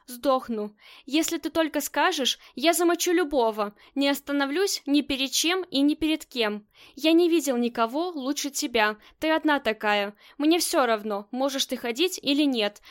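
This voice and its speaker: A woman voicing a devoted, rough male bodyguard in an audiobook, blunt and earnest. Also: sits high, lively intonation, moderate pace.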